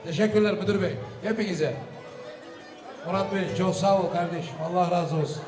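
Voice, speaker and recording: A man, not a Turkish speaker, booming out announcements to guests as a wedding master of ceremonies. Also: fairly quick, far from the mic. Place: wedding hall. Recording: echoey hall PA, music and crowd behind.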